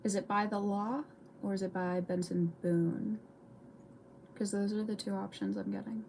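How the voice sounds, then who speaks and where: A woman chatting casually with viewers on a livestream in a soft, laid-back way. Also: mid-range voice, fairly even intonation, normal speed, slight background noise. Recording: clear music playing behind.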